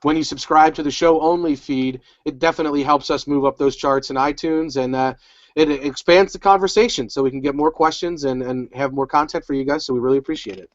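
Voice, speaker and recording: A man co-hosts a casual recap podcast in a fairly high voice. He talks in a rambling, upbeat way and restarts his sentences often. The recording sounds dull and dry. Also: steady tone, fairly quick, no echo. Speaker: podcast co-host.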